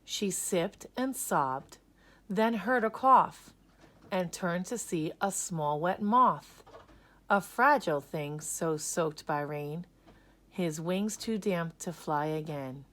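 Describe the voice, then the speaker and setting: In a measured, expressive way, a picture book reader tells a children's story aloud; her voice is a woman's, sitting on the low side.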